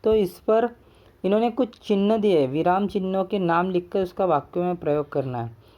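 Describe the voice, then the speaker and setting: A man's voice: sits high, moderate pace, darkish tone. A man teaching Hindi grammar as a patient teacher, explaining step by step and often checking in with his students. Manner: patient, repeats points with "ठीक है". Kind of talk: classroom grammar lesson.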